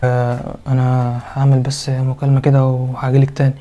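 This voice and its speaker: A man's voice: mid-range voice, monotone, brisk, dark tone, highs cut off. A young man with an Egyptian accent acting a hesitant, stammering husband in a comedy sketch. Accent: Egyptian Arabic.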